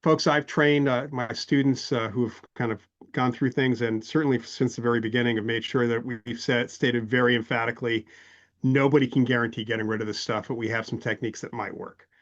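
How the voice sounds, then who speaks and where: A man hosting an interview podcast in a measured way, trading anecdotes and leading into long questions. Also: medium pitch, fairly even intonation, lo-fi sound. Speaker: host.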